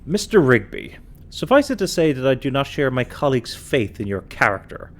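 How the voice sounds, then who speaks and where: A man reading out a letter in a put-on posh British accent, playing a haughty, condescending gentleman. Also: mid-range voice, big pitch swings, a little fast. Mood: haughty, scornful.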